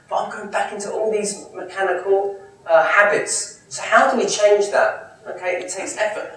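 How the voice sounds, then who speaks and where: In a high-pitched voice, a southern English man from Kent answers questions as an Islamic speaker in a chatty lecture Q&A. Animated, he gestures plenty and often restarts phrases. The indoor lecture room is echoey, recorded from far off on a camera mic.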